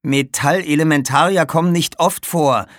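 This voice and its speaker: A man's voice: on the high side, normal speed, a bit bright, no echo, studio quality, voice pushed up, natural voice. A man voicing a nervous, quarrelsome boy apprentice mage in a raised, urgent storybook voice. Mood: anxious urgent.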